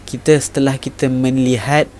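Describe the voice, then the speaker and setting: A man's voice: mid-range voice, flat delivery, moderate pace, slight background noise. A man from Malaysia giving a casual lesson, repeating phrases for emphasis and reciting Arabic sayings. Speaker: vlogger teaching Arabic. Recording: loud music bed behind voice.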